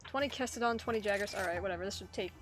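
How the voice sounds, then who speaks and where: A woman's voice: mid-range voice, rapid-fire. A woman hosting a gaming stream, chatting casually, laughing often and reading out chat. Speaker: streamer and host. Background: faint game music.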